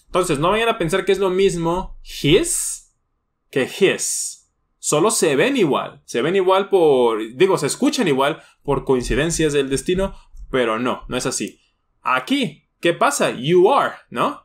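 A man with a somewhat high voice teaches beginners, breaking each point down slowly and patiently. He keeps checking in with his listeners as he goes, and keyboard typing can be heard faintly behind him. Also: big pitch swings. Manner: patient, explains step by step with frequent tag questions. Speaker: English teacher. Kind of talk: online lesson.

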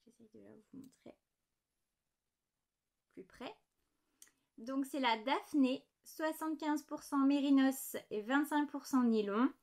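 A woman in her thirties with a slightly high voice chats casually from her home desk. She shows off small knitting items, often apologizing and pausing over the little details. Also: a little mellow. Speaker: knitting podcast host. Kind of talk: casual show-and-tell chat.

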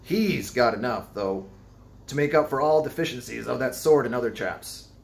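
A man's voice: mid-range voice, expressive, moderate pace, creaky. A man voicing a ragged, wild-eyed old sailor who talks in cryptic, insistent old seafaring dialect. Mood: mocking.

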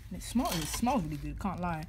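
A teenage girl from the UK, chatting excitedly and giggling through a casual travel vlog. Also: fairly low pitch, fast talker. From United Kingdom. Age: teens. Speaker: vlogger. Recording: loud background noise.

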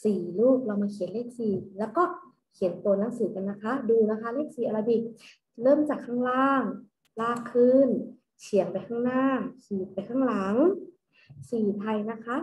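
A woman teaching a recorded kindergarten homework lesson, slowly and patiently repeating each step for small children to follow. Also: on the high side, a little mellow, echoey room, low-quality recording.

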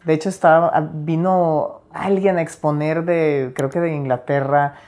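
A woman's voice: low voice, unhurried. A woman, telling personal stories in an interview and acting out the lines she quotes. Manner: animated storyteller, acts out quoted lines, laughs between stories. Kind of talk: candid interview storytelling.

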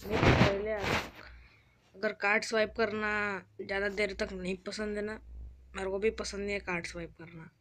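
A woman's voice: mid-range voice, level tone, normal speed, background noise. A woman giving casual, chatty commentary while playing a video game, whining and pleading in fun. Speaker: gamer.

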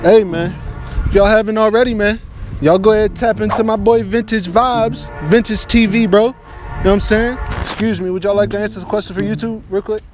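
A quick, high-voiced man playfully grilling students outdoors on a campus at dusk, talking into a handheld phone. He keeps the banter slangy and teasing, with a music bed playing under him. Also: steady tone. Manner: playful, teasing, slangy, repeats "all right, bet". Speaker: street interviewer and channel host. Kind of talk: casual street interview. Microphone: handheld phone held out to guests.

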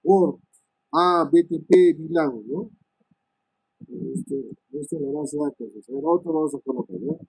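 A male networking instructor talks students through switch commands, thinking aloud, tagging lines with "¿no?" and filling pauses with "este". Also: on the high side, lively intonation, creaky, breathy edge, no echo, low-quality recording. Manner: many "este" fillers and restarts. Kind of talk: live screen-share lesson on switch commands.

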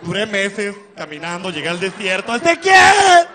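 A man doing stand-up in a campy female persona, his Sinaloan Mexican voice pitched high and swooping all over. He talks crude and exaggerated, with shrieking quotes, and the mic picks up a long reverb from the live venue. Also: expressive, normal speed, background noise. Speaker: stand-up comedian.

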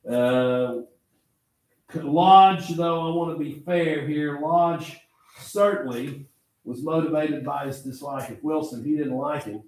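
Taking it slowly in a fairly high voice, an older man from Oklahoma teaches history with emphasis, repeating important phrases and quizzing his students. A far-off camera at the back of the medium-sized indoor classroom records echo and background noise.

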